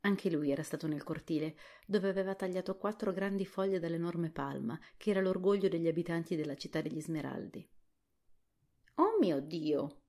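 Woman narrator, low-pitched, soft and hushed, whispered role-play storybook. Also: a little fast, hardly any pauses. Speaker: audiobook narrator.

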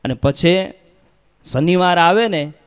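A man with a Gujarati accent from Kutch, preaching as he tells a religious story in a temple hall, lively and acting out the voices and cries in the tale. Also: high-pitched, slow pace, clean tone. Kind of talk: storytelling sermon. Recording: long hall reverb.

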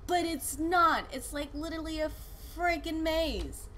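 A woman's voice: high voice, measured pace. 20s girl doing a let's play, casual and sweary, pretty noisy audio. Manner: informal, reactive, sweary. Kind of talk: casual gameplay commentary, reading on-screen text aloud. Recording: clearly noisy home recording.

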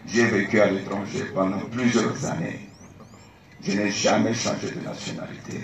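A Congolese man running for party president answers debate questions on an outdoor tent stage, arguing hard, asking rhetorical questions and repeating his key points. His voice sits on the low side and sounds creaky, with a flat delivery at a moderate pace. The distant, echoey phone recording made from the audience also picks up crowd noise.

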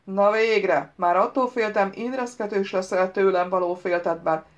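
A woman voicing an unseen, imperious male voice that questions and mocks a prince in a loud, commanding way. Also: mid-range voice, dull audio, pitched above the performer's own voice, close to an everyday voice.

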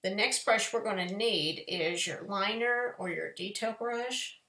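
A woman with a twang talks viewers through a live painting lesson in a folksy, chatty way. Her voice has a gravelly edge, and the room around her sounds echoey. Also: medium pitch, a little slow, pushed and bright. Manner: chatty, folksy step-by-step instruction. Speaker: painting teacher.

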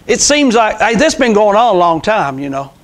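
His voice is strikingly high and swings widely in pitch as this man in his sixties preaches at a brisk clip. The extemporaneous sermon is fervent and casual, full of repeated phrases, called-out amens and rhetorical questions to the congregation. He wears a clip-on lapel mic in a small church sanctuary indoors.

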